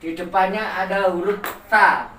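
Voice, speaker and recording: A man's voice: high-pitched, a little slow, pushed and bright. A man with an Indonesian accent teaching Quran recitation rules to adult pupils, drawing out syllables and repeating words for them to copy. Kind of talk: informal tajwid lesson. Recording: echoey room, distant mic, faint ambient noise.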